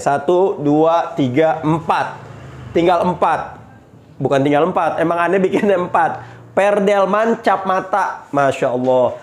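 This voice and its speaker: This man's voice sits on the high side and sounds a little mellow, though his nose is stuffed up from a cold. Selling knives, he keeps up a cheerful, chatty patter with pious exclamations in a casual showcase.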